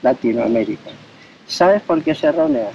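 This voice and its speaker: A man's voice: medium pitch, animated, normal speed, gravelly, warm tone. A man from Spain conducting a street interview outdoors, asking leading questions and explaining his points at length. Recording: dull audio with faint street noise.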